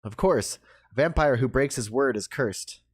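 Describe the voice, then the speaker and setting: A man's voice: mid-range voice, normal speed, husky, natural voice. A male game actor playing a detective who hams up a pompous immortal vampire with theatrical declamation, in a video game. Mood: grandiose. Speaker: detective hero of a story game.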